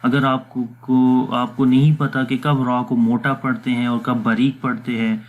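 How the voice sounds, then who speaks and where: This medium-pitched, level-toned male voice sounds like it was recorded over a phone. He teaches how to pronounce Quran letters in a patient voice-over, explaining one step at a time with slow, drawn-out example syllables. He slips into English at times, fills his pauses, and alternates explaining with recitation drills.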